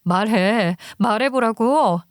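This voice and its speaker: 여자가 연기하는 날카롭게 따지는 화난 아내. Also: female voice, a little high, slow pace, no echo, clean studio sound. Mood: furious. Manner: sharp, demanding, agitated. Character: furious suspicious young wife confronting husband.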